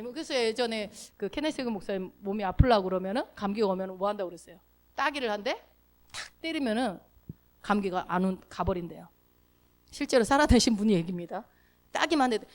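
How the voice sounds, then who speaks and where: A woman preaching a sermon in a conversational way, asking the congregation questions and acting out short spoken commands. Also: fairly high pitch.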